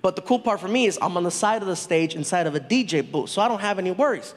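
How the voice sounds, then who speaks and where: A male comedian telling a stand-up story on stage in a large venue, animated and quick to laugh. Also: high-pitched. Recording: long reverb of a big hall.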